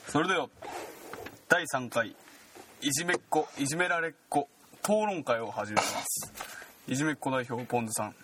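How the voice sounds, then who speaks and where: A young man co-hosting a casual comedy podcast in a car, teasing his friends and jumping in quickly. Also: medium pitch, background noise. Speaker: co-host, debate chair. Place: inside a car.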